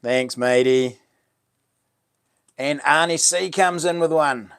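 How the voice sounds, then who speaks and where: A man's voice: on the high side, takes it slowly, fairly bright tone, no echo, clean studio sound. A man with a broad New Zealand accent chatting casually as a livestream host, full of laid-back, matey Kiwi slang. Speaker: live stream host. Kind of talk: casual livestream chat, reading out comments.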